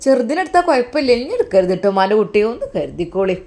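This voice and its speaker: A woman's voice: medium pitch, big pitch swings, rapid-fire, a little mellow. A woman with a Malappuram accent voicing a fussy, pious older mother who dotes on her children and gives worried advice. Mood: fondly fussing. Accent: Malappuram Malayalam. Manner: doting, endearments, worried advice.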